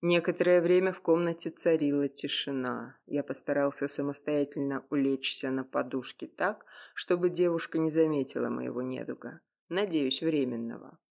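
Woman reading a book aloud, low voice, steady, goes hushed sometimes. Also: moderate pace, creaky, hardly any pauses. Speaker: audiobook narrator. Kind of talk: first-person novel narration.

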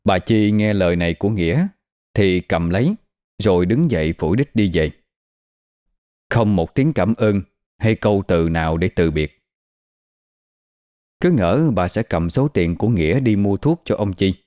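A man narrating a ghost story in a steady, even manner. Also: deep voice, normal speed, long pauses, dry recording, clean studio sound. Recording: faint background music.

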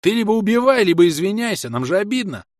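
A man's voice: sits high, very animated, fast talker, dry recording, studio quality, voice pushed up. A man putting on a furious, jeering enemy warrior. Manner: yelling insults.

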